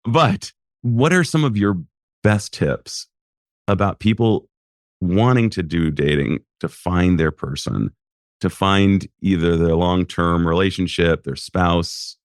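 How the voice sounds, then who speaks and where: A man hosting a podcast, reflecting in a measured way and asking his guest questions. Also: deep voice, no room sound, clean studio sound. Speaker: podcast host, psychologist. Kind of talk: casual interview chat.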